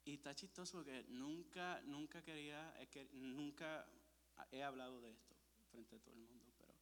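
A man preaching an emotional testimony sermon, swinging from hushed to exclaiming. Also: medium pitch, in a large hall.

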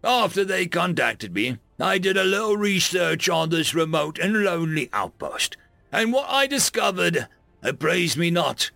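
A cold, mysterious hooded avenger, calm and cutting, as a male narrator puts the figure on. The voice sits raised and gravelly, with lively swings of pitch in a dry, close reading. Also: measured pace, dry recording, faint music behind, heavily acted.

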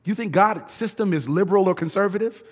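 A man preaching a sermon in an emphatic, lively way, often laughing between words. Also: sits high, fast, slightly rough. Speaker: pastor. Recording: long hall reverb.

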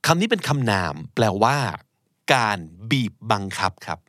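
A man's voice: medium pitch, huge pitch swings, sharp tone, no room sound, studio quality. A man teaching English vocabulary in a casual lesson, patiently explaining each word and repeating it. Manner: patient, explains words slowly and repeats them.

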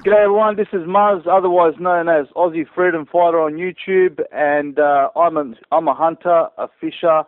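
A Croatian man guesting on a hunting podcast tells stories in a rambling, hesitant, chuckling way during a casual interview. His voice is a little high and steady, at a normal speed with hardly any pauses. The call sounds tinny, like a phone line.

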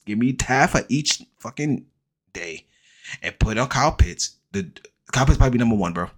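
Man, very low voice, casual profane sports talk, blunt, rattles off stats. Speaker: fantasy football podcast host.

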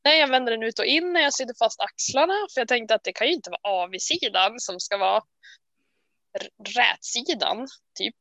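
Chatty woman, slightly high voice. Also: animated, sharp tone, dry recording. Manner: chatty, self-deprecating, quick restarts. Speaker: podcast co-host. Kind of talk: casual chat about knitting.

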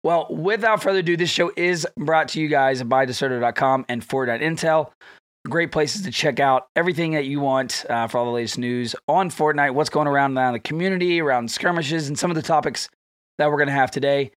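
A man's voice: on the high side, brisk, dry recording, clean studio sound. A man hosting a casual podcast while sick, his voice strained, chatting in a rambling way with fillers. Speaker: podcast host.

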